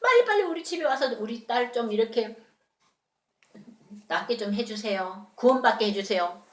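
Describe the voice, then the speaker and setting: A woman's voice: a little high, expressive, moderate pace, recorded from a distance, lightly acted. A woman voicing a desperate father who begs urgently and breathlessly for help, in a hall with echo. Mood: desperate pleading. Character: desperate middle-aged father begging for help.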